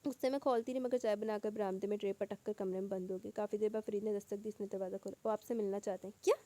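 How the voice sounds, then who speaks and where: A woman with a mid-range voice reads a novel aloud as an audiobook narrator, telling the story in a steady manner.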